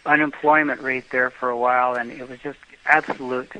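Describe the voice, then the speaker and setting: Here the same kind of speaker, an older American travel guest, tells rambling travel tales full of fillers and false starts in a relaxed interview. His pitch is medium and his tone level, though he talks a little fast and sounds pushed and bright. It's captured as dull, lo-fi podcast audio.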